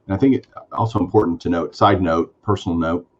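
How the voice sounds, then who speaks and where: A deep-voiced man talks fast as co-host of a sports card podcast, chatting casually and enthusiastically while rambling with lots of fillers. The sound is lo-fi.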